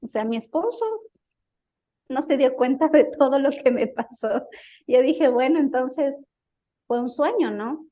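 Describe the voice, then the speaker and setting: A woman's voice: high voice, a little slow, long pauses, warm tone. Dull-sounding woman telling a story. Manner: hesitant, repeats words while searching for them. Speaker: guest recounting a healing experience. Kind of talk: casual storytelling in an interview.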